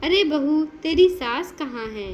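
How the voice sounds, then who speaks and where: A woman voicing a meddling, sharp-tongued older neighbor aunt who scolds and taunts in a storybook tale. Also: high-pitched, animated, takes it slowly, a little hiss or hum. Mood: scolding.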